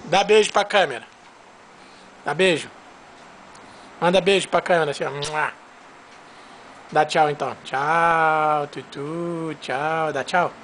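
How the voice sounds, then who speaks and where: A man's voice: on the high side, slow, long pauses, fairly bright tone, a little hiss or hum. A man with a Brazilian accent filming a baby at home and talking to it in a playful, coaxing sing-song. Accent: Brazilian Portuguese.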